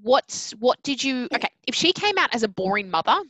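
A woman's voice: a little high, big pitch swings, fairly quick, fairly bright tone, no room sound, poor audio. Blunt, opinionated woman in casual chat. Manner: opinionated and blunt, with wry asides. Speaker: podcast co-host. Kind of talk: casual chat reviewing a TV competition.

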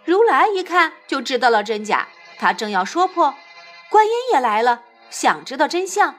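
A woman narrating a classic tale in a lively, expressive storybook reading. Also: high voice, normal speed, soft background music.

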